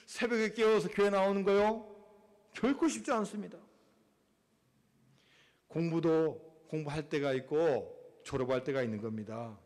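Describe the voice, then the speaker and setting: A male pastor preaching a sermon in a church, acting out quoted voices and swinging between loud calls and hushed asides. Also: fairly high pitch, moderate pace, pauses often. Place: church sanctuary. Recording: long reverb of a church hall.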